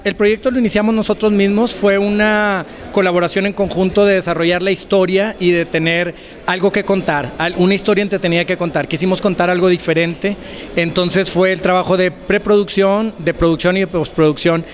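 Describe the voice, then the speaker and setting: A fairly high-voiced man in his thirties from Mexico gives a press interview at an event backdrop. He talks through his project thoughtfully, pausing on fillers, into a handheld mic held close. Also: fairly even intonation. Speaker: actor and co-producer. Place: event press wall, indoors. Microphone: handheld reporter mic.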